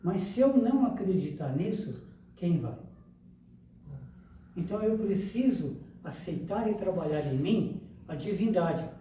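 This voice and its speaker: A man's voice: high-pitched, a little slow, far from the mic. A man giving a spiritual lecture, quizzing his audience and joking with them. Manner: lively, questions the audience and jokes. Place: lecture hall. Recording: echoey room, speaker away from the mic, noise behind.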